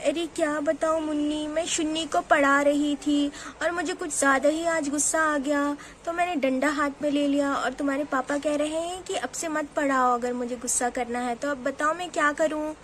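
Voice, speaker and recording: A woman's voice: high voice, fairly even intonation, moderate pace, few pauses, a bit bright, slight background noise. Woman doing an indignant village mum. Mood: upset. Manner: indignant, complaining. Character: harried village mother, quick to scold.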